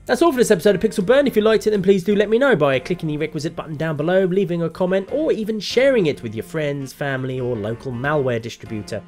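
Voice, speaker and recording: A man's voice: a little high, lively intonation, fast, hardly any pauses, darkish tone, faint music behind. A man in his thirties hosting a gaming show, delivering scripted comic commentary in a wry, sardonic manner.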